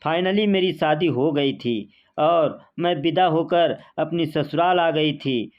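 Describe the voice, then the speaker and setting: A woman reading a first-person story as scripted narration in a slow, even, plain way. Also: deep voice, lo-fi sound.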